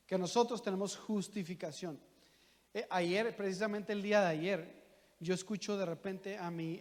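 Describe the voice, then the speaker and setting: A man preaching a sermon as pastor, talking conversationally and asking the congregation rhetorical questions. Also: high-pitched. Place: church hall. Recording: long church reverb.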